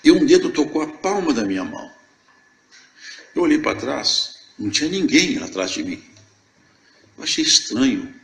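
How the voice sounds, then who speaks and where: An older man from Viçosa, telling his religious testimony as a lively storyteller who acts out the dialogue. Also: mid-range voice, normal speed, vocal fry, long pauses, reverberant. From Brazil, Viçosa. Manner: animated storyteller acting out dialogue. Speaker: church member giving testimony.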